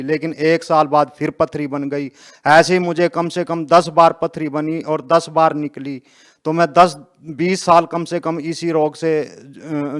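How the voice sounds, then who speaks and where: A man's voice: on the high side, clean tone. A man in his fifties giving a plain-spoken, earnest testimony in an interview, adding polite little endings as he speaks. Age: 50s. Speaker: interviewed devotee.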